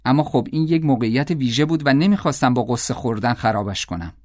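Man reading a story aloud, calm measured pace, close dry mic, middle pitch. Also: dry recording. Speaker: audiobook narrator. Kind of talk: scripted audiobook narration.

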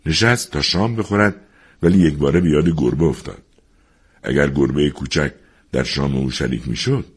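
A man reading a story aloud in a slow, measured storybook narration with a husky voice. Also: rumbling low.

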